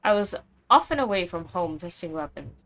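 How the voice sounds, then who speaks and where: A woman voicing a calm, kindly older male weapon engineer as she reads game dialogue aloud, steady and explanatory with small slips. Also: on the low side, normal speed, poor audio. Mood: recounting.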